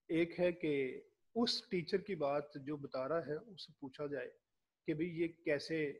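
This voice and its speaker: Husky higher-voiced male lecturer. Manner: mixes Urdu with English terms, poses rhetorical questions. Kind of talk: classroom lecture.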